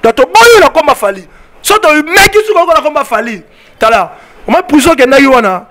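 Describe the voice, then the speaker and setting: A Congolese fan club spokesman in his thirties gives heated interview answers on the outdoor porch of a building, into a handheld mic held by the interviewer. He speaks emphatically with a Congolese French accent, rapidly mixing French and Lingala and repeating "on se comprend". His pitch is extremely high, with lively intonation and a fairly bright tone.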